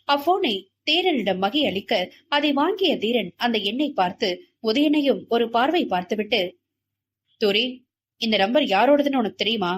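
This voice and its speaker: A woman narrating a romance audio novel in an even storytelling manner. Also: on the high side, slight background noise. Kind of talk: scripted narration.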